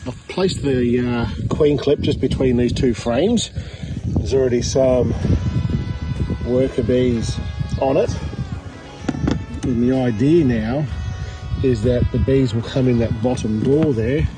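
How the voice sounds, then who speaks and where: A man's voice: mid-range voice, slow, long pauses, music in the background, rough recording. A middle-aged man vlogging casually and plainly about what he is doing, outdoors beside buzzing beehives. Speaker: hobby beekeeper vlogger. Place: outdoors in a rural yard among beehives. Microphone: handheld phone camera at arm's length.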